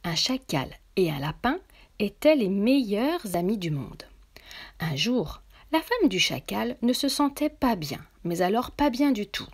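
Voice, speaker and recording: Slow, breathy woman telling a bedtime story. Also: mid-range voice. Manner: slow, expressive, drops into whispers.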